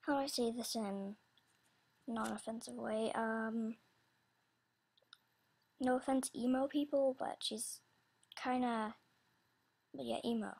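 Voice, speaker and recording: Speaking as an animation creator, a woman makes a casual, unscripted announcement, halting and scatterbrained and often cutting herself off. Her husky, breathy voice is fairly high, steady and darkish in tone.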